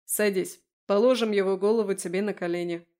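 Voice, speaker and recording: A woman's voice: medium pitch, fairly even intonation, fairly quick, warm tone, close to an everyday voice. A woman voicing a polite, composed male werewolf in an audiobook. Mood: calm.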